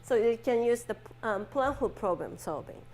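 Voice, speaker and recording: A woman's voice: fairly high pitch, expressive, normal speed, darkish tone. A woman psychology professor giving a classroom lecture, mixing chatty stories with textbook definitions and acting out quoted dialogue.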